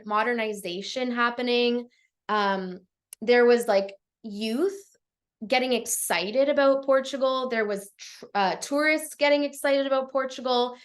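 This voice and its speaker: A woman's voice: fairly high pitch, fairly bright tone. A woman coaching live over a video call, talking casually with lots of fillers and some swearing. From Canada. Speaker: life and business coach. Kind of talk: live-streamed coaching talk. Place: Portugal.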